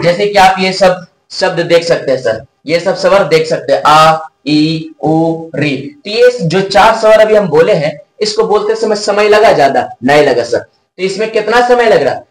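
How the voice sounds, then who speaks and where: A man teaching a grammar lesson, asking questions and answering them himself, drawing out sounds slowly to show them. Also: fairly high pitch, echoey room, low-quality recording. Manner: slow, drawn-out demonstration of sounds.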